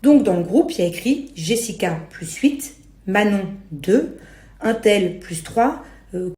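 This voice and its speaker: Exasperated young woman, mellow voice, roomy echo. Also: medium pitch, lively intonation, a little slow. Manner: exasperated, self-justifying, colloquial slang. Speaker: reality TV personality. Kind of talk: casual spoken rant to followers.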